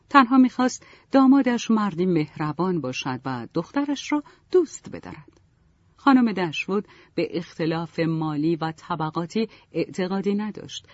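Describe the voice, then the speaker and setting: A woman narrating a storybook in an expressive, lively reading style. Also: fairly low pitch, slightly rough, dry recording. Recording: dull, dry, lo-fi.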